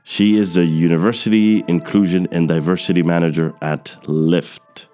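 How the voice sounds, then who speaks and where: A man's voice: low voice, fairly even intonation, moderate pace, dark tone, soft background music. A young man from Queens, hosting a podcast interview, reading a scripted intro and then talking loosely with many fillers. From Queens, New York. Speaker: podcast host.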